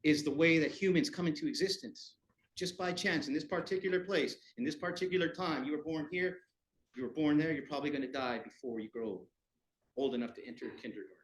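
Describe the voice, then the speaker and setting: Man, higher voice, host intro, halting, self-correcting. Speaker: event host introducing the speaker. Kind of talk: speaker introduction. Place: college lecture room.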